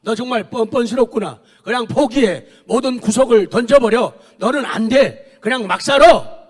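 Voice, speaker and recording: A man's voice: extremely high pitch, moderate pace. A man preaching who voices a scornful, coaxing devil tempting a believer. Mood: taunting. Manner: taunting, coaxing. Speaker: pastor. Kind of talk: sermon.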